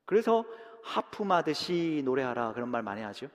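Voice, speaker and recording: A male pastor giving a dramatic sermon, swinging from loud emphasis to hushed, near-whispered lines and acting out short prayers and quotes. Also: medium pitch, sing-song, normal speed, in a large hall. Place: church sanctuary.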